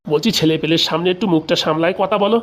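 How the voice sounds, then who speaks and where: A man's voice: a little high, a bit bright, natural voice. A man acting in a comedy sketch as a hen-pecked politician husband who grumbles at his wife. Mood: grumbling. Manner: grumbling, fast and complaining.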